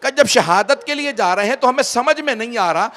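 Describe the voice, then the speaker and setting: Male majlis preacher, very high and piercing, recounts a tragedy and builds to loud lament; faint noise behind. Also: animated. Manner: recites tragic narrative, rising to loud wailing climax; addresses audience directly. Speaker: Shia preacher. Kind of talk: Muharram majlis sermon.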